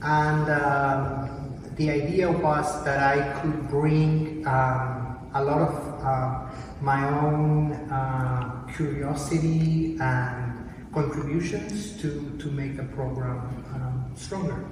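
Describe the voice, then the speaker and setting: A middle-aged man from Mexico, a professor and program director, answering interview questions in a measured, reflective way, often searching for words. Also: medium pitch, fairly even intonation. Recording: echoey hall, distant mic, background noise.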